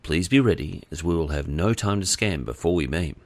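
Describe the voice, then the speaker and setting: A man voicing a calm, reserved male Vulcan commander who speaks in a measured, formal way in an audiobook. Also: sits low, no room sound. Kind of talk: audiobook character voice.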